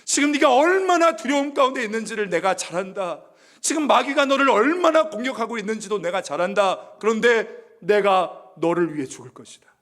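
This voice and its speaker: A man voicing Jesus in a sermon retelling, speaking to a fallen disciple with soft tenderness that grows into earnest assurance. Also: mid-range voice, steady tone, normal speed, long pauses, close to an everyday voice. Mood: tender.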